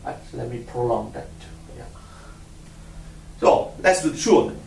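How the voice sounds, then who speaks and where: A man's voice: mid-range voice, animated, normal speed, darkish tone, a little hiss or hum. A man teaching a one-on-one music lesson, patient, repeating himself and counting out rhythms. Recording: roomy sound from a distant mic.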